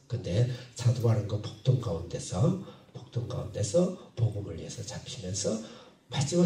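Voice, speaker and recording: Korean pastor preaching in an echoey hall. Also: male voice, medium pitch, mellow, distant mic. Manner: halting, repeats phrases, asks the congregation questions. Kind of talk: sermon with Bible reading.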